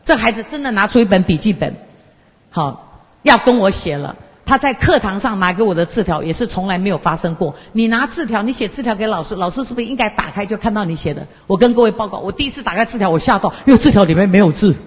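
A woman's voice: medium pitch, fast, husky. A woman, a counseling lecturer telling a story to an audience and acting out the dialogue. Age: 50s. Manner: lively, acts out dialogue and mimics people. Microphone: handheld microphone. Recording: echoey hall, dull lo-fi sound.

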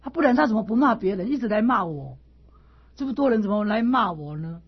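Husky middle-aged woman teaching a class. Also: medium pitch, a little fast. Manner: animated storyteller, repeats words and stammers on restarts. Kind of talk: casual teaching talk with personal stories. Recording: dull lo-fi recording.

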